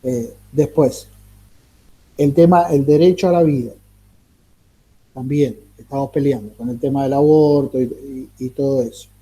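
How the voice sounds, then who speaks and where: A man lecturing a class, halting and repeating words, often asking the listeners rhetorical questions. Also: medium pitch, mellow, slightly rough. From Argentina. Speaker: teacher.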